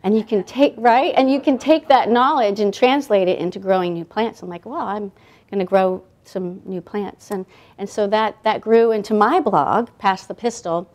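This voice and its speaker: A woman's voice: medium pitch, moderate pace, darkish tone. Woman, 30s, guest author, casual and rambling, library event. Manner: rambling, many fillers and restarts. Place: library event room, indoors.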